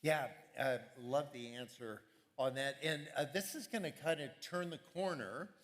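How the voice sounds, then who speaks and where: A man moderating the event, moving on in a relaxed way with fillers. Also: fairly high pitch, unhurried. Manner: casual, with fillers. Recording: long hall reverb.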